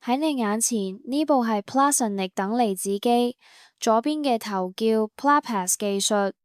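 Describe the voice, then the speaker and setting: A woman reading a scripted instructional voice-over for a beauty salon, in an even, promotional step-by-step manner. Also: fairly high pitch, unhurried, clear, resonant tone, no echo, studio quality.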